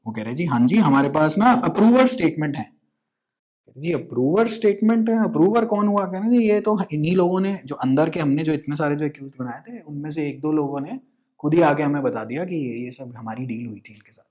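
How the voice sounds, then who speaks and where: A man's voice: on the high side, fairly quick, a little mellow. A young man giving a casual legal lecture, explaining as an educator, mixing English phrases and asking rhetorical questions.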